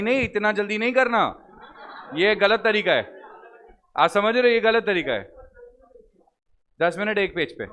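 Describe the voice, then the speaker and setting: A man's voice: high voice, fairly bright tone, a little hiss or hum. Playful man lecturing a class. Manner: playful, joking with students, drawls words slowly when reading. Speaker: law teacher. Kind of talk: classroom lecture, Hindi mixed with English. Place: recorded classroom studio.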